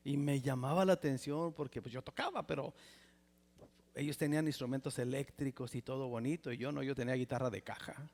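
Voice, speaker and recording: A Mexican man in his sixties preaching a personal testimony sermon in a church, with a Mexican Spanish accent, swinging from loud exclamations to near whispers. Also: mid-range voice, fairly quick. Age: 60s. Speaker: pastor. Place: church sanctuary. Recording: reverberant church hall.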